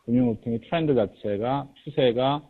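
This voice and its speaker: A man being interviewed about his book, explaining his work in a measured, step-by-step way. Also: medium pitch, breathy edge. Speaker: guest, insurance agency head. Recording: tinny lo-fi radio-like audio.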